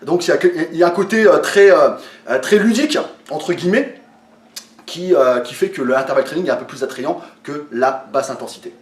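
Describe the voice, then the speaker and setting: A man's voice: on the high side, lively intonation, fairly quick. A man explaining a training method to his viewers in a casual way, with lots of fillers and restarts, a little tired. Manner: hesitant, many fillers and restarts, addresses viewers as friends. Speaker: fitness coach. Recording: echoey room, from a distance.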